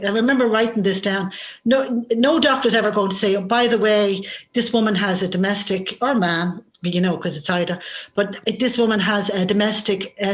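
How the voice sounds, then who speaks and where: A discussion panelist, talking in a hesitant, halting way with many restarts. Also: mid-range voice, fairly bright tone, highs cut off. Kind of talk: casual discussion.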